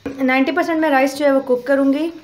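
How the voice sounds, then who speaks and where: A woman, hosting a home cooking channel and explaining each step calmly in a casual voice-over. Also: high voice, fast talker. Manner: step-by-step explaining, calm and homely.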